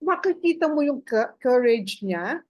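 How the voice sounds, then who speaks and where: A woman in a casual Bible study discussion, talking in a halting way with many fillers as she searches for names, mixing in English phrases. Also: sits high, expressive, dry recording. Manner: mixes Tagalog with English phrases. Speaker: Bible study group member.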